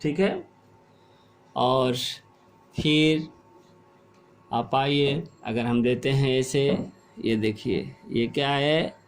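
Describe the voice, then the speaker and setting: A middle-aged man teaching a class, explaining slowly and asking questions, then repeating the answers. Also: mid-range voice, faint music behind. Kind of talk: classroom lesson.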